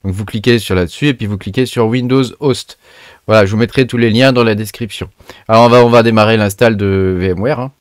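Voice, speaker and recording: A man's voice: on the low side, steady tone, a little fast, no room sound, clean studio sound. A man hosting a casual screen-recorded tech tutorial, loose and chatty, with lots of fillers and slangy asides.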